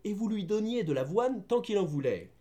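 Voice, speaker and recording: A man voicing a steady farmhand in a storybook reading, calm and matter-of-fact as he explains. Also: high voice, normal speed, voice pushed up. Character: steady older male farmhand tending animals.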